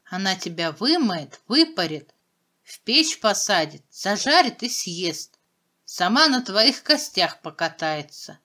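Female narrator as fairy-tale mouse, small, helpful, warning, animated yet unhurried. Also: medium pitch, exaggerated voice.

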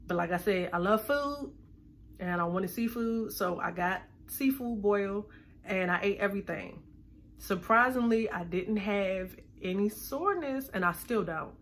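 A woman's voice: medium pitch, animated, measured pace, fairly bright tone, a little hiss or hum. A woman talking with braces, chatting casually to her viewers. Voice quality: slight lisp. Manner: chatty, addresses viewers as y'all. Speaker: vlogger. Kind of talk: casual chat to camera.

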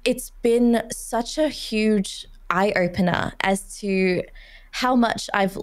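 Young woman podcast host, headphones and boom mic in a small studio, chatty and personal. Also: takes it slowly, smooth. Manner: open, personal, conversational. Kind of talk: casual interview chat. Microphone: studio mic on boom arm with headphones.

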